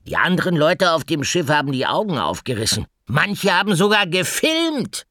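A man voicing a cheeky, playful female magpie in a children's audiobook, with a squeaky, giggly, excitable manner. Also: moderate pace, dry recording, clean studio sound, heavily acted. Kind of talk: audiobook character voice.

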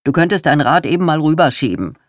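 A man's voice: on the high side, big pitch swings, fast talker, no room sound, studio quality. A reader voicing Walter, a fussy older husband who is proud of his bicycle work and defensive when nagged. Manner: defensive, self-important.

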